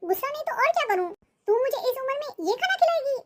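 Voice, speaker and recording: A shrill, bossy old grandmother in a cartoon, voiced by a woman. She speaks with an Awadhi-tinged Hindi accent. Her voice is very high, and she scolds sharply. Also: very animated, racing. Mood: indignant. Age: older. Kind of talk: cartoon voice acting.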